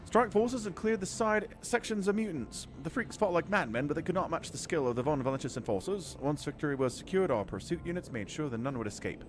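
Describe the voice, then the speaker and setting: A man's voice: fairly high pitch, animated, a little fast, few pauses, a little hiss or hum, pitched above the performer's own voice, close to an everyday voice. Man voicing a stern female military officer. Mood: proud report. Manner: formal, clipped military reporting. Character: stern, proud female master-at-arms reporting to her captain.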